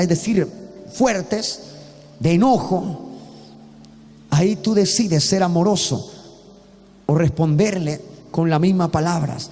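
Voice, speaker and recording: A man's voice: high voice, darkish tone, big-room sound. A man from Bolivia preaching a sermon as a pastor, talking earnestly and repeating himself with many restarts.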